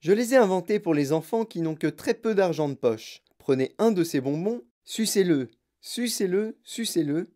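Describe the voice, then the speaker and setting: A narrator voicing an excitable, eccentric grown-man candy-maker who talks in boastful, bouncy exclamations. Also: mid-range voice, moderate pace, lightly acted. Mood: boastful, excited.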